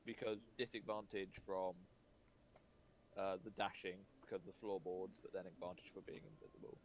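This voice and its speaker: A man's voice: low-pitched, flat delivery, normal speed, slight background noise. A man running a tabletop game as game master, rambling and restarting his sentences, with casual swearing.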